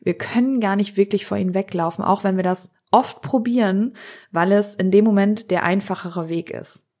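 A woman hosting a podcast, speaking calmly and earnestly in a reflective monologue. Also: mid-range voice, moderate pace. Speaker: podcast host.

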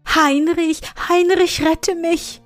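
Wieglinde, a soft wistful butterfly fairy, as a woman puts her on. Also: mid-range voice, a little slow, no echo, soft background music. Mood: frightened. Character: delicate female butterfly fairy, gentle and wistful.

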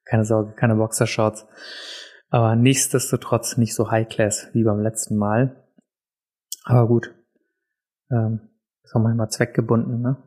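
A man's voice: on the low side, flat delivery, a little slow, pauses often, dark tone, husky. A man hosting his own podcast, chatting casually and self-deprecatingly with frequent filler sounds, seated indoors at a desk mic. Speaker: podcast host. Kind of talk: casual solo podcast chat. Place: seated indoors in a room set up for recording. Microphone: podcast mic on a desk, also filmed for video.

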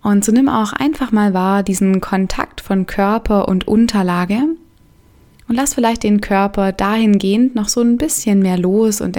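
A woman leading a guided meditation in a soft, soothing way, leaving gentle pauses between phrases. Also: mid-range voice.

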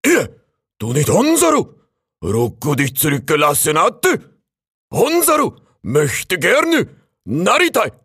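An excitable male crane squawks out broken phrases in a storybook. The voice is pitched far above the reader's own and sounds strained, recorded dry and close. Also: slow, slightly rough, no echo, full character voice. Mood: excited. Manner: shrill, broken speech mixed with foreign words.

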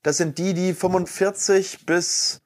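A man's voice: high voice, steady tone, unhurried. A middle-aged man co-hosting a casual talk show, prompting the host with questions and tagging his lines with "ne?".

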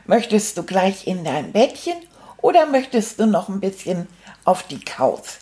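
A woman's voice: mid-range voice, very animated, measured pace, warm tone. A woman voicing a fussy, doting male carer who keeps asking anxious, caring questions. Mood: worried.

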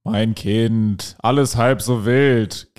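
A man doing a gruff, rude father. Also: on the low side, fairly even intonation, takes it slowly, a little mellow. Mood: condescending. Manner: curt, insulting.

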